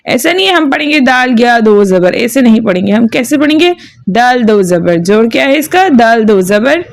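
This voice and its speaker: A woman's voice: on the high side, expressive, normal speed, gravelly, dry recording, studio quality. A woman teaching Quran reading, drilling syllables in patient call-and-response. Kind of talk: slow drilled reading lesson.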